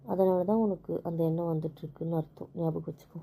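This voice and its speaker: A woman talking with her husband in a casual couple conversation, explaining things patiently and calmly. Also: fairly low pitch, fast, vocal fry, breathy edge. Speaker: wife.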